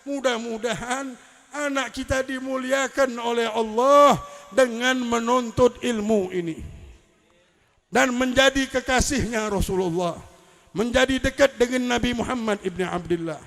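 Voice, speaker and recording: A man's voice: very high-pitched, unhurried, gravelly, a bit bright, big-room sound. A man preaching at a religious celebration, telling stories emphatically and weaving in Arabic quotations. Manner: storytelling, emphatic rising delivery with Arabic quotations. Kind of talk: religious lecture at a public celebration. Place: large event hall.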